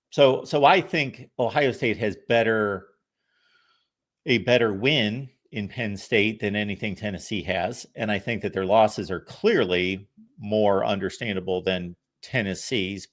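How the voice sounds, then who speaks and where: A man hosting a sports call-in show, giving conversational analysis in a matter-of-fact way, explaining step by step. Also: on the low side. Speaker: host of a college football call-in show.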